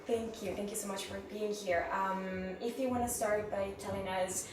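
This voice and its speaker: A woman's voice: medium pitch, fairly even intonation, moderate pace, noisy background. A woman hosting a festival interview, friendly and encouraging, with frequent small sounds of agreement. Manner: friendly, encouraging, many back-channel hums. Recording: very echoey room, mic far off, music behind.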